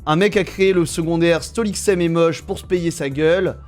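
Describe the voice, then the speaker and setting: A man's voice: a little high, fairly even intonation, moderate pace, darkish tone, soft background music. A man with a French accent, streaming live, mocking and bluntly judging his chat in casual, crude talk.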